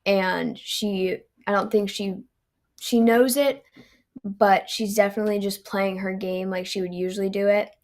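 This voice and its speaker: A young woman chatting casually as a guest on a sports podcast, relaxed and loose, with frequent ums and you knows. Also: mid-range voice, a little slow. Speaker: guest volleyball analyst.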